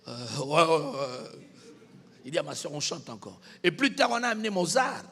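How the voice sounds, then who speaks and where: A man preaching a sermon in a church hall, animated, with bursts of shouting and laughter. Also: sits high, husky. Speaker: pastor.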